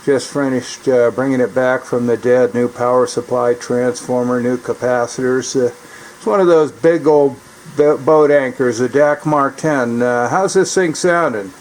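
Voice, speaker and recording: Speaking a little slowly in a mid-range voice, this American radio repair hobbyist and CB operator gives a loose, folksy demonstration and chats as he goes. The recording is low quality, and background noise comes through clearly.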